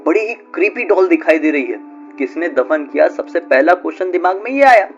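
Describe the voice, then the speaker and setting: A man's voice: a little high, animated, a little fast, soft background music. Chatty male horror storyteller, lo-fi sound. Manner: chatty, conversational, with frequent fillers. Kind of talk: casual spoken storytelling.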